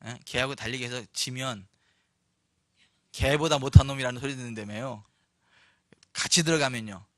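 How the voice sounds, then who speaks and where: A male pastor preaching a sermon, shifting from chatty, joking asides to loud, emphatic proclamations. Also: mid-range voice, moderate pace, long pauses, dry recording, studio quality. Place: church sanctuary.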